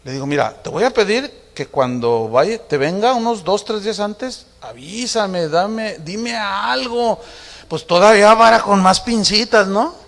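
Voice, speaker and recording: A man's voice: high voice, animated, normal speed, hardly any pauses, a bit bright. A middle-aged man, preaching a sermon in a conversational, storytelling way, acting out family conversations with humor. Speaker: pastor. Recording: long hall reverb.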